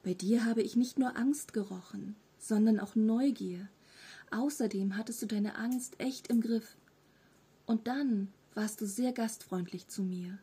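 A woman reading an audiobook, voicing a small, friendly, three-hundred-year-old furry monster with a pleasantly rough, half-whispered voice and a mischievous manner. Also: fairly high pitch, measured pace, mellow, full character voice. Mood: cheeky friendly. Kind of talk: audiobook character voice.

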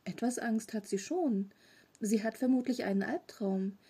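A woman's voice: on the high side, a little slow, mellow, husky. A woman reading a storybook, voicing a curious, naive male three-eyed monster who explains things matter-of-factly. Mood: explaining.

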